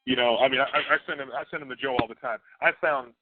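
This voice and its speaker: A man's voice: medium pitch, steady tone, racing, a little hiss or hum. A man on a radio talk show panel who jumps in eagerly and repeats himself as he talks. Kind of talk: casual panel discussion. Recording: tinny phone line, dry.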